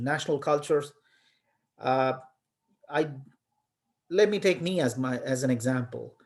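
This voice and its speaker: A man from India, a college lecturer giving an online class on a video call, talking with emphasis and many fillers and repeated words. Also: mid-range voice. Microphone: webcam on video call.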